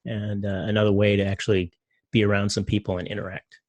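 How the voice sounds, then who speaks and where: A middle-aged man talks through his slides in a loose, rambling way, with plenty of fillers. His voice sits low and carries a gravelly edge. The recording is dry and close, with no room sound. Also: level tone, quick pace, a little mellow, no echo. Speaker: presenter. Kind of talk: casual talk with slides.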